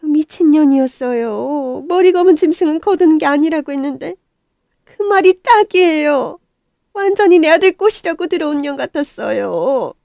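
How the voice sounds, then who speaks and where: A woman's voice: high voice, expressive, moderate pace, creaky, darkish tone, dry recording, clean studio sound, voice pushed up. A woman voicing a domineering, cruel middle-aged mother who screams and scolds in a radio story. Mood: bitter. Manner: shrieking, scolding.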